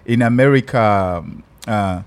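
A Ugandan man hosting a podcast in casual chat, thoughtful and halting, with many restarts. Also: on the low side, smooth. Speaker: podcast host.

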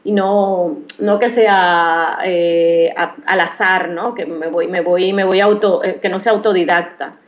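Here a thirtysomething makeup artist from Venezuela, carrying a Maracaibo accent, answers interview questions as a guest, hesitant and full of restarts. Her voice sits on the low side with a steady tone, measured pace and hardly any pauses. Sound quality is a bit dull and lo-fi.

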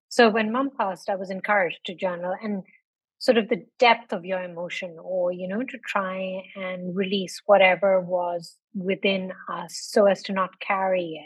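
A middle-aged woman talks in a husky, slightly breathy voice, reflective and measured, often pausing on an um. The sound is dry, with little room around it, as if she is on a remote call. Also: medium pitch, no echo, rough recording. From born in London, raised in India. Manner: reflective, measured, with frequent ums. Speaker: podcast guest, author. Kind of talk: conversational interview.

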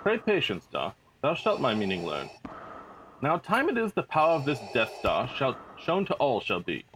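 A sly, haughty governor. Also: male voice, medium pitch, sing-song, a little fast, slight background noise. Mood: scheming. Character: scheming, haughty imperial governor. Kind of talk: amateur Shakespearean table read.

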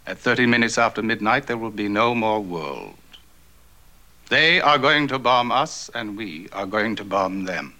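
Bitter domineering man, vintage TV drama, deep sharp voice, deliberate menacing oratory. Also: lively intonation, exaggerated voice. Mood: ominous. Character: bitter, vengeful, domineering man threatening his guests. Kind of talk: vintage television drama acting.

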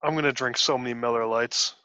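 A man's voice: medium pitch, fairly even intonation, quick pace, sharp tone, clean tone, no echo. A man joking and swearing in casual sports chat on a podcast. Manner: jokey, swears.

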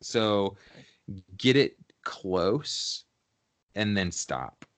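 A photographer guest in a casual interview chat talks in a laid-back, slangy way and laughs often. His voice sits on the low side, with lively intonation and a very slow delivery.

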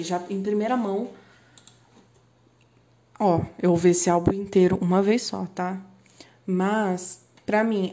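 A young woman with a Brazilian accent, chatting excitedly about music on her podcast, swearing and laughing often. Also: medium pitch. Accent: Brazilian Portuguese. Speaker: podcast host. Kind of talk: casual chat about music.

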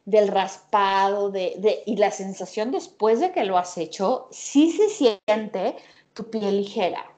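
A woman's voice: medium pitch, slow, darkish tone. Enthusiastic woman chatting. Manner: enthusiastic, rambling, many fillers. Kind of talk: casual chat.

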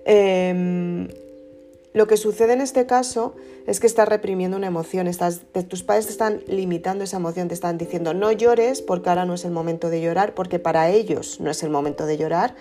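A woman speaks in a warm, low, mellow voice, offering gentle advice about letting emotions out. She talks conversationally, often tagging "¿no?" onto her points. Soft guitar music plays faintly behind her. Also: fairly quick. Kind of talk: casual motivational talk to camera.

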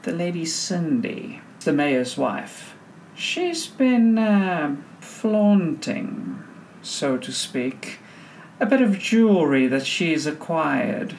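A game master playing a suave male underworld boss who gives orders in a sly, courteous, measured way. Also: medium pitch, big pitch swings, a little mellow, slight background noise. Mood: smooth, instructing.

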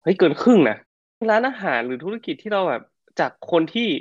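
A man's voice: sits high, fast talker, dry recording, dull audio. A middle-aged man co-hosting a casual podcast, chatty and slangy as he tells stories. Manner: chatty storyteller, slangy and animated. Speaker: podcast co-host.

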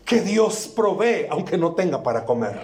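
Impassioned preacher, high voice. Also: male voice, big pitch swings, moderate pace, roomy sound, a crowd in the background. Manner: impassioned, rising to shouts, repeats phrases. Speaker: guest preacher. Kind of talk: sermon. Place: church service.

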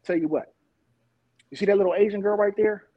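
A man voicing a pushy, friendly street hustler with a high, drawling street manner. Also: fairly quick, warm tone, dull audio. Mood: coaxing.

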